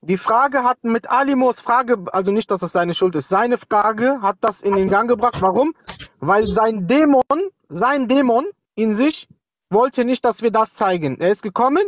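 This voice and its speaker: A man's voice: high voice, moderate pace, dry recording, highs cut off. Dry-sounding male stream host. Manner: hesitant, addresses the viewers repeatedly. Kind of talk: explaining sources to a chat audience.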